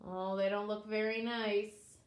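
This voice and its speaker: A woman preschool teacher reading a story aloud to young children, expressively, pausing to explain and ask simple questions. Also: mid-range voice, little pitch movement. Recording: echoey room.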